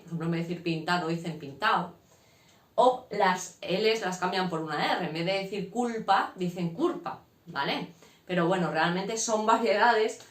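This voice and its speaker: A woman, teaching a casual lesson to her students and checking in often with short questions as she explains. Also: fairly low pitch. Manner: frequent "¿vale?" check-ins, explanatory. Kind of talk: casual classroom lecture. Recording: echoey room.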